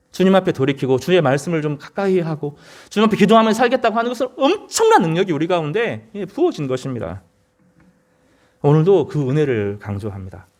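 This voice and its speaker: A man preaching a sermon as pastor, earnest, with rising emphasis and frequent hesitation fillers. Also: high voice.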